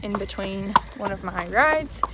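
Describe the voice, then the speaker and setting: A woman's voice: medium pitch, lively intonation, unhurried, heavy background noise. Chatty young woman at the barn. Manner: chatty and self-amused, talking with her mouth full at times. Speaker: vlogger and horse owner. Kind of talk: casual chat while doing chores. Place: outdoors at a horse barn.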